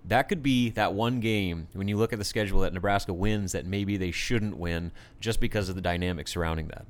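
A man's voice: low-pitched, brisk. An American man giving conversational sports analysis as a panelist on a talk show.

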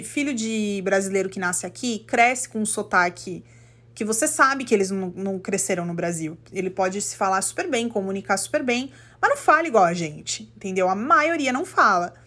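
Brazilian woman, podcast host, casual storytelling, indignant, animated, slightly high voice. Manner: animated, indignant, acts out quotes. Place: living in the United States.

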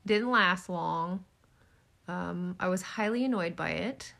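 A woman co-hosting a podcast in casual chat, keeping a calm, even tone and laughing easily. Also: on the low side, slow pace, vocal fry. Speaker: podcast co-host.

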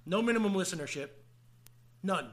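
A man's voice: high-pitched, expressive, brisk. A man hosting a podcast in casual comic banter, teasing and swearing freely. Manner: teasing, profane. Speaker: podcast host.

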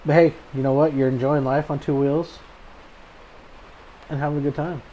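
A man's voice: fairly high pitch, flat delivery, normal speed, warm tone, muffled recording, slight background noise. An American man hosting a podcast in a casual chat, with an easygoing, folksy good ol' boy way of talking. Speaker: podcast host.

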